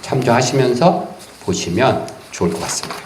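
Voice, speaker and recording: A man preaching a sermon as pastor, in lively conversational speech. He reads verses slowly, then puts them in casual everyday words. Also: medium pitch, echoey room, background noise. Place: church sanctuary.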